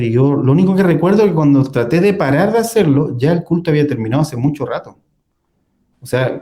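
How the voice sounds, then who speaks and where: A man's voice: mid-range voice, mellow. A young man, telling a personal story in casual conversation, with many fillers and small laughs. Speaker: guest.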